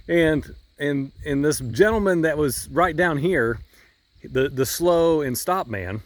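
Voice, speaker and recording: A man's voice: medium pitch, dry recording. A middle-aged man gives an earnest, folksy devotional talk outdoors on his farm, with frequent ums and restarts. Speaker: podcast host.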